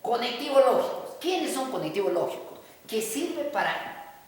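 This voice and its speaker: A man's voice: very high-pitched, big pitch swings, moderate pace, a little hiss or hum. A man teaching a math lesson, repeating key points and constantly checking that the students understand. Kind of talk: classroom lesson. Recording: echoey hall from far off.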